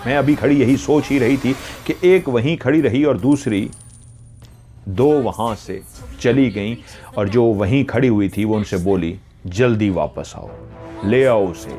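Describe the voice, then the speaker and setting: A man narrating a spoken horror story in the first person, slowly and with suspenseful, drawn-out pauses. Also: mid-range voice, mellow, soft background music.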